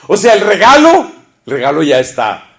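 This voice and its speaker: A man preaching a sermon, animated, asking the congregation questions and swinging between loud and hushed delivery. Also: sits high, normal speed, creaky, roomy sound. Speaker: priest preaching.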